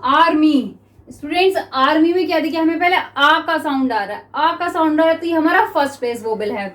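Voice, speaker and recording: Speaking fairly quickly in a high, fairly bright voice, an Indian-accented woman reads sentences aloud for her shorthand students to transcribe. She often checks whether they follow, and "clear?" and "students" recur throughout her coaching.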